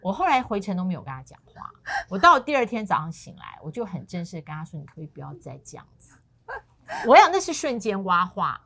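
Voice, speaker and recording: A woman's voice: mid-range voice, sing-song, fast, a bit bright. A middle-aged woman co-hosting a casual talk show, telling stories animatedly and acting out the people she quotes. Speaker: co-host.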